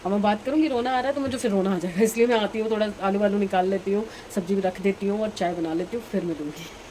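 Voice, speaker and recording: Middle-aged woman, home vlogger, chatty running commentary over cooking, mid-pitch voice, clear kitchen sizzle underneath. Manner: chatty, talks through her chores. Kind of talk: casual home vlog narration. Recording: frying sizzle and household noise behind.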